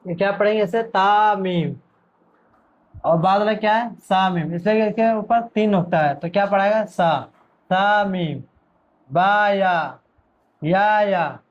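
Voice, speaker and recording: A high-voiced man, heard in lo-fi sound, gives a Quran reading lesson one letter at a time. His letter names come out in a very slow drawl as he asks his own questions and then answers them.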